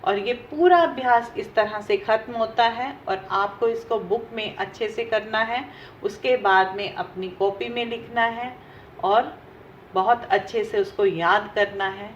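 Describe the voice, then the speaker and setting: A woman teacher talks young pupils through a textbook exercise, slow and patient, asking questions and then answering them herself. Her voice sits fairly high. The recording is dull and lo-fi, with a faint hiss underneath. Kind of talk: explaining a textbook exercise to children.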